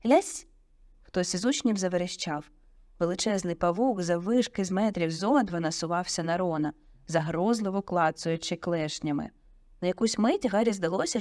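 Woman reading an audiobook, lowish voice, really expressive, dry close mic. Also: moderate pace, no room sound. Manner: expressive, vivid storytelling. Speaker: audiobook narrator. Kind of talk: audiobook narration.

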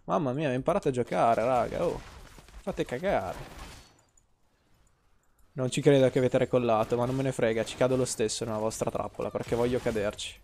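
Guy streaming a game, swears constantly, rants and jokes at chat, mid-pitched voice. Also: fairly even intonation, quick pace, hardly any pauses, darkish tone, a little hiss or hum. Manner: profane, ranting, teasing, talks to chat. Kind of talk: casual live-stream gameplay commentary.

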